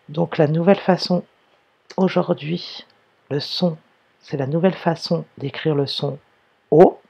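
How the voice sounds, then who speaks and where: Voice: medium pitch, creaky, breathy edge, muffled recording. Enseignant à la voix éraillée et voilée. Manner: slow, careful, sounding out and spelling words. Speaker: primary school teacher. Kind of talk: remote reading lesson for young pupils.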